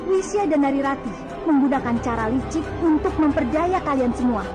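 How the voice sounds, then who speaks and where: A woman's voice: sits high, lively intonation, moderate pace, music in the background. A woman playing a sly snake-demon schemer in a fantasy drama, speaking in an insistent, scolding way. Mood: insistent, persuasive. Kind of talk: fantasy television drama acting.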